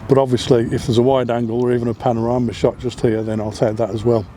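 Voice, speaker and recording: A fast-talking non-Welsh photography vlogger with a medium-pitched, level, dark-toned voice narrates as he walks a hillside path above a seaside town. His chatty delivery has frequent ums and self-corrections, and a little hiss or hum is audible.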